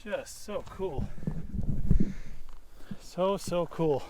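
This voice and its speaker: A man's voice: high voice, animated, extremely slow, heavy background noise. A man narrating his hike in a casual vlog, musing aloud with easy fillers, recorded outdoors on a camera mic. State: out of breath at times. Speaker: outdoor adventure vlogger. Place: outdoors in a desert canyon.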